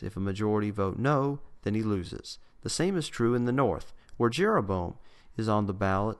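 A calm news anchor reads election returns in an even, measured way, as a man voices him. His voice is on the low side. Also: lightly acted. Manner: even, measured newsreader delivery.

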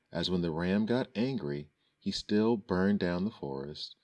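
Deep-voiced male storyteller. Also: darkish tone. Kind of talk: storybook narration.

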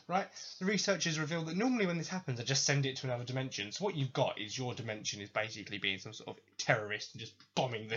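A podcast host rants through a comedy podcast, swearing often and sounding sarcastic and fed up. His voice is bright and slightly husky, swooping widely in pitch. It was captured on a dull lo-fi mic.

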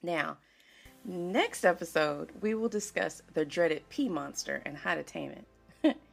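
A woman in her thirties hosts a casual podcast monologue, her low voice carrying a gravelly fry. Her pitch swings widely as she tells stories, laughing often and checking in with listeners. Faint music plays behind her. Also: animated, unhurried. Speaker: podcast host.

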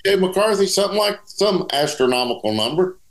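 A man's voice: sits high, very animated, brisk. A man co-hosting a sports show, giving casual commentary and repeating phrases emphatically to drive his points home. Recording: roomy, echoing sound.

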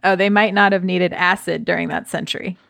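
A woman's voice: on the low side, fairly even intonation, a little fast, gravelly, a bit bright, no room sound, studio quality. A woman co-hosting a podcast in casual chat, talking in a chatty way with many fillers. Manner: chatty, uses fillers like 'like'. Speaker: podcast co-host.

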